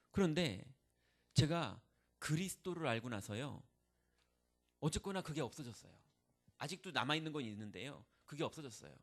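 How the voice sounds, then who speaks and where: Guy pastor, kinda high voice, telling his own story real honest, mimics his inner grumbling. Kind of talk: testimony sermon.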